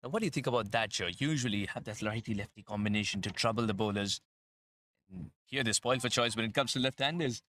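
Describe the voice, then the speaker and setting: A man's voice: on the low side, quick pace, fairly bright tone, no room sound, studio quality. A man commentating live on a cricket match, explaining tactics and bowling in detail. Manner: analytical, explains tactics at length.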